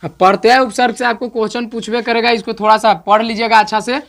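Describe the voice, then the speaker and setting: His voice is very high and a bit bright, his delivery flat and fast. Teaching grammar online, he talks straight to his students and keeps repeating example words aloud as pronunciation drills.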